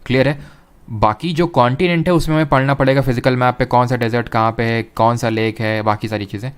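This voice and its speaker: A man's voice: mid-range voice, steady tone, brisk, clear, resonant tone. A young adult man teaching an exam-prep geography lecture, explaining step by step, mixing in English terms and often checking whether students follow.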